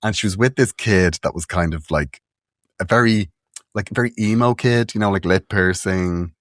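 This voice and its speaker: A man's voice: deep voice, moderate pace, no room sound, clean studio sound. A man co-hosting a comedy podcast, telling stories with lots of laughter and acted-out voices. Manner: animated storyteller, laughs often, acts out quotes. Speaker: podcast co-host. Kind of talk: casual comedic chat.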